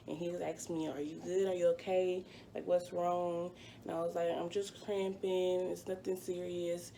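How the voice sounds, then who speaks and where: A woman's voice: lowish voice, warm tone, slight background noise. A woman in her twenties, a vlogger chatting through a personal story with plenty of fillers. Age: 20s. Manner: chatty, rambling, full of fillers. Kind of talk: casual storytime.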